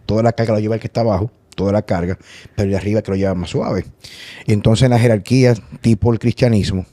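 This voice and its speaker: A man's voice: lowish voice, steady tone, fast, dark tone, no room sound. A man hosting a podcast, talking in a rambling conversational way with many restarts. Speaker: podcast host. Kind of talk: casual conversation.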